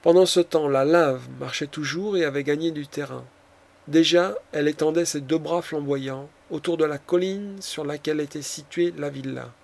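A man narrating a classic novel as an audiobook, with a measured, dramatic reading. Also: on the high side, creaky, a little mellow.

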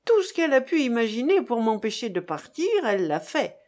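A fussy, excitable thin old man, as a woman reader puts him on, chattering eagerly in a storybook. His lively voice climbs and swoops as he gushes. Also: a little high, fairly quick. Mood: gushing. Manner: gushing, chattering.

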